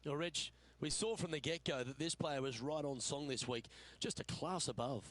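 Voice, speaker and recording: A man calling golf play-by-play with an upbeat manner and quick exclamations. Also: on the high side, no room sound. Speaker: golf commentator. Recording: loud crowd and noise behind. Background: crowd and noise.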